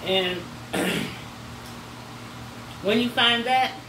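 A woman talking casually to her viewers while chewing food. She speaks slowly and repeats phrases for emphasis. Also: a little high. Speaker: mukbang YouTuber host. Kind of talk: casual thank-you chat to viewers. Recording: echoey room, distant mic, air-conditioning hum.

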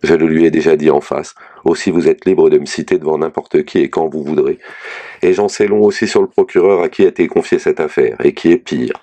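A man's voice: extremely low pitch, a little fast, mellow. A man reading aloud, voicing a middle-aged lawyer who speaks bluntly and plainly about a hard case. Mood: grim, frank.

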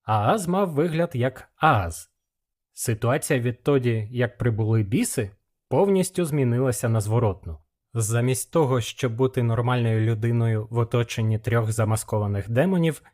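A man narrating a humorous fantasy audiobook in the first person, in a steady, even way. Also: mid-range voice, moderate pace.

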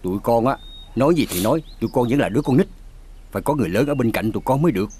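A man playing a gruff Southern Vietnamese uncle. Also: mid-range voice, animated, racing, slight background noise, lightly acted. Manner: gruff, blunt, kindly. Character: gruff, kindly uncle, poor but generous. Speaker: uncle taking in orphaned nephews. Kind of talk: TV drama acting. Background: soft background music.

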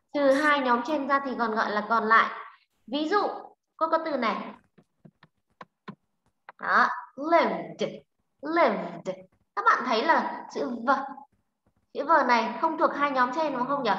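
Woman teacher, high and bright, patient explainer who keeps checking the class, roomy dull recording. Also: a little slow, long pauses. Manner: checks understanding with frequent tag questions. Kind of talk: online English lesson for a class. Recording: roomy, slightly dull sound.

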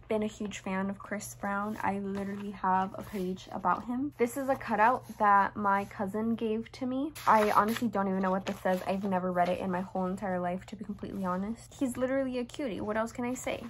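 A woman's voice: medium pitch, a little hiss or hum. A young woman reading her childhood diary aloud in an embarrassed, amused, self-mocking manner, with casual asides. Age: young adult. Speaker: vlogger. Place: small bedroom, indoors.

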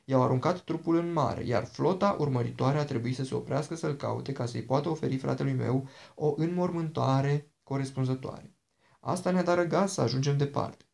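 A man's voice: medium pitch, vocal fry, darkish tone, lightly acted. A man voicing an ancient princess, a charming and dangerous woman who talks in a sweet, persuasive, coaxing way.

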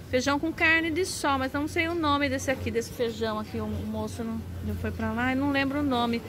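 Chatty high-voiced woman vlogging. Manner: chatty, enthusiastic, addresses viewers directly. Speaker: travel and food vlogger. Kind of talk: casual vlog walkthrough. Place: large indoor restaurant. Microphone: handheld phone camera.

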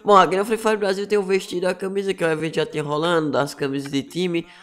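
A man's voice: sits high, level tone, quick pace, fairly bright tone. A Brazilian man giving casual, chatty, slangy gaming news, his voice slightly choked by swollen, inflamed tonsils or throat. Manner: chatty, slangy, peppering sentences with tags. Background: music.

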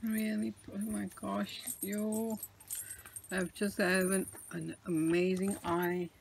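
A woman with a gravelly, creaky voice talks slowly through a craft show-and-tell video. She gushes over each detail and often sinks into a hushed whisper. Faint hiss sits under her voice. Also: medium pitch, level tone. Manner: gushing, admiring, drops into whispers. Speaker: craft vlogger.

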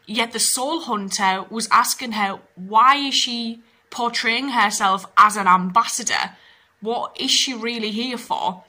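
A woman's voice: on the high side, bright, forceful tone. A young woman hosting a reaction video, chatting casually and thinking aloud as she watches. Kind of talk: casual commentary while watching.

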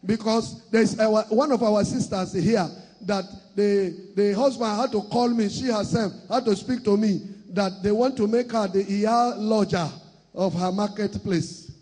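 Nigerian pastor, high raspy voice, shouts then drops quiet; sermon in a reverberant church hall. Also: male voice, fairly even intonation, measured pace. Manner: shouting preacher, swings from loud declarations to soft asides.

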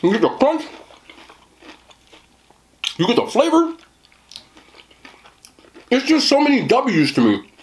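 A man's voice: very high-pitched, huge pitch swings, takes it slowly, long pauses, a little hiss or hum. A young man doing a mukbang eating chat, joking in slang and talking while he chews. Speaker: food reviewer.

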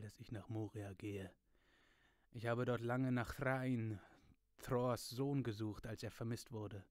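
A man reading aloud voices an old, wise male wizard, speaking in a measured, calm, slightly lowered voice. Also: no echo, clean studio sound, close to an everyday voice.

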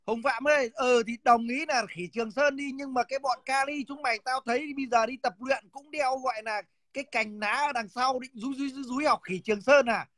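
A man's voice: very high-pitched, fairly even intonation, fairly quick, hardly any pauses, fairly bright tone, no echo. A man, a guest on a livestream, teasing and mocking someone. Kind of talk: casual mocking chat.

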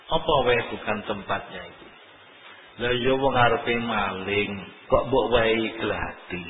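An older man giving a lively sermon as an Islamic preacher, chuckling often. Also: mid-range voice, a little hiss or hum. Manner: animated, chuckling often, slow deliberate delivery. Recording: echoey lo-fi phone-like hall recording.

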